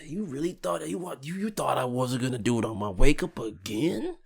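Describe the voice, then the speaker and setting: A man's voice: mid-range voice, animated, gravelly, darkish tone, husky. A man doing a gloating, smug hulking fighter. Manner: smug, drawn-out taunts. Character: gloating hulking male fighter taunting his foe.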